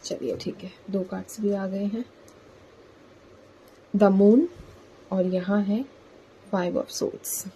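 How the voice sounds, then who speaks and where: A woman's voice: mid-range voice, fairly even intonation, takes it slowly, pauses often, warm tone, a little hiss or hum, rough recording. A woman giving a casual collective tarot reading to her viewers, talking in a chatty way and often adding "theek hai" as a filler. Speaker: tarot reader.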